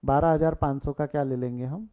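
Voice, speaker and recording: A man's voice: a little high, fairly even intonation, brisk. A man teaching accounting in a live online class, repeating key figures and urging students to answer in the chat. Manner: mixes English terms, repeats key figures, urges students to reply in chat. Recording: tinny phone-like audio.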